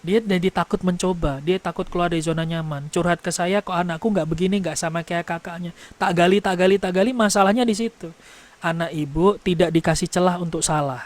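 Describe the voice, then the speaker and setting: Guy with a lilt running a parenting class, slightly high voice, chatty and animated. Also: a little fast. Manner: animated storytelling, addresses audience as "Bu". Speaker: parenting trainer. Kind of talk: seminar talk to parents.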